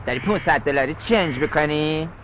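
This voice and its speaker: A man's voice: on the high side, a bit bright, a little hiss or hum, natural voice, rough recording. A man voicing a cheeky, rude young male actor in a cartoon, talking back with a cocky manner.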